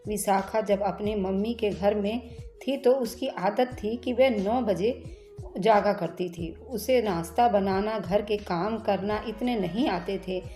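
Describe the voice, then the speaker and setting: A woman's voice: mid-range voice, slow pace, dark tone. Woman reading a heart touching story, faint music under it. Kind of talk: emotional story narration.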